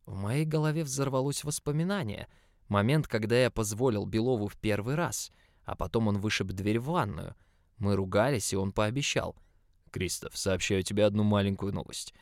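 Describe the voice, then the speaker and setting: Young guy reading a novel in first person, low voice, tense and brooding, dry close sound. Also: normal speed, vocal fry, no room sound. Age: young adult. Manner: tense, brooding inner monologue. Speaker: audiobook narrator.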